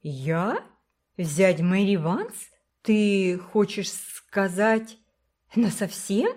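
A woman voicing a brisk, kindly older village woman who speaks firmly and emphatically. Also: mid-range voice, expressive, a little mellow, voice pushed up. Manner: firm, emphatic, motherly.

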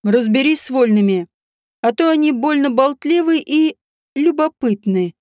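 A woman reads a cold, mocking male naga lord from a fantasy audiobook, drawing his words out slowly with a sneer. The voice sits fairly high, and the recording is close and dry. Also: animated, darkish tone, no echo.

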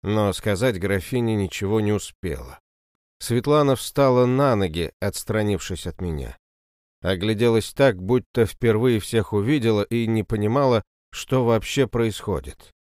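A man narrating a fantasy novel in the first person, in a steady, even storytelling manner. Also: on the low side, normal speed, smooth, no echo, clean studio sound. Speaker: audiobook narrator.

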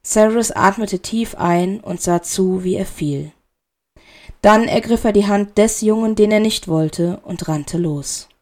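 A woman reading fan fiction aloud as an audiobook narrator, with a slow, measured, dramatic delivery. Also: mid-range voice, a little mellow. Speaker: reader.

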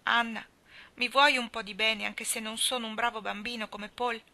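A woman's voice: a little high, level tone, normal speed, creaky, bright, forceful tone, pitched above the performer's own voice. A woman voicing a mischievous little boy who talks in an eager, cheeky way in a storybook reading. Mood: sheepish.

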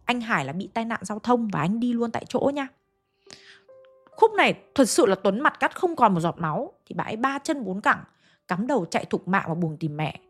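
Chatty woman telling a ghost story, talks right to you, fairly high voice, soft music behind. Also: sing-song, brisk. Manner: chatty, addresses listeners directly. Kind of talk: conversational storytelling. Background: faint background music.

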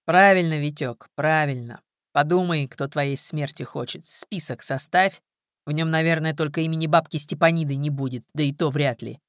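A woman reading an audiobook, voicing a bitter young man who shouts abuse. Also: sits low, moderate pace, no echo, studio quality, lightly acted. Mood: mocking. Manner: snarling, abusive, shouting. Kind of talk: audiobook character voice.

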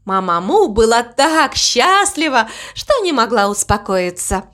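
A woman narrating a children's storybook in an expressive, animated way. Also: on the high side, measured pace. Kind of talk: storybook reading.

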